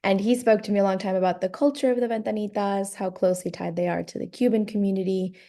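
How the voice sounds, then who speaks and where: A woman guest raised in Miami, telling her story in a relaxed way and laughing easily in a casual interview. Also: mid-range voice, quick pace. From raised in Miami, born in Guatemala. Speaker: guest, author and graphic designer. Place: London.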